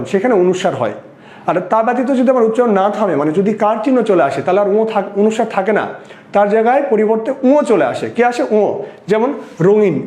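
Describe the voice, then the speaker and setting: A man's voice: sits high, darkish tone. A man teaching a recorded exam prep lesson in a Bangladeshi Bengali accent. He asks the class questions and then answers them himself. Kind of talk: recorded lecture. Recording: echoey room.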